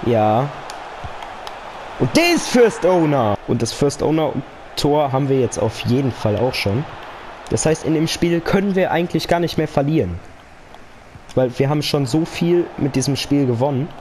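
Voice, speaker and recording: A man's voice: on the high side, lively intonation, normal speed, a little mellow, slight background noise. A young man giving casual, slangy live commentary on a football video game, with earnest pep talk mixed in. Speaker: gaming YouTuber.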